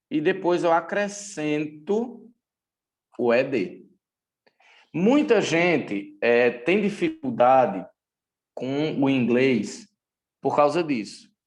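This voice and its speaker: A man from Brazil teaching English grammar in a recorded lesson, speaking deliberately and repeating key points. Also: mid-range voice.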